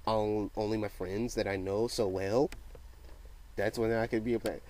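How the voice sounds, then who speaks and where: A young man casually talking to his viewers in a vlog update, stammering and rambling, swearing freely and now and then bursting into loud excited outbursts. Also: lowish voice, normal speed, rough recording. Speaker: YouTuber giving a channel update.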